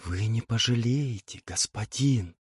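A man's voice: mid-range voice, a little slow, husky, dry recording, studio quality, pitched above the performer's own voice. A man voicing young concubines who whisper coaxingly, in an audiobook.

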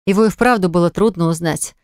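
Clear, low-voiced woman narrator. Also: fast, darkish tone, no room sound, clean studio sound. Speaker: audiobook narrator. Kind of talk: scripted narration.

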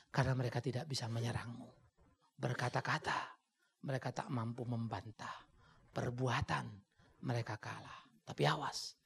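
A man preaching a sermon with passion, swinging from shouts to hushed warnings and sharp, mocking rebukes. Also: mid-range voice, gravelly, slightly rough. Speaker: pastor.

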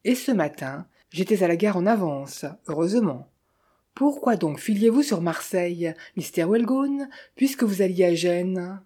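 A woman's voice: fairly low pitch, expressive, measured pace, warm tone, slightly rough. Sly mocking bandit, as a woman reads him. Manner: mocking, falsely friendly. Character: sly smooth-talking male Italian bandit.

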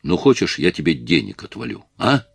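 Guy doing a jittery drunk factory man, whiny and pleading, low voice that swings around a lot. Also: big pitch swings, normal speed, vocal fry, husky, dry recording, full character voice. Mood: wheedling. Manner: whining, wheedling, then pleading.

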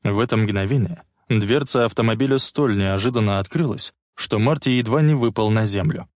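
A man reading a novel aloud in an even, measured storytelling manner. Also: lowish voice, no room sound, studio quality. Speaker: audiobook narrator. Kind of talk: scripted narration.

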